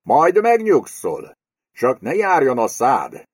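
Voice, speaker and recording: A man's voice: medium pitch, huge pitch swings, breathy edge, dry recording, studio quality, voice pushed up. A man voicing a fat, domineering male property speculator who talks in a crude, bullying, menacing way in an audiobook. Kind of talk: audiobook character voice.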